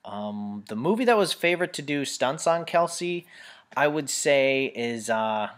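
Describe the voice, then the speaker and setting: A man's voice: mid-range voice, sing-song, unhurried. A man casually chatting on a live webcam stream from home, rambling as he reads out and answers viewer comments. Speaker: live chat host answering fan questions. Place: home room.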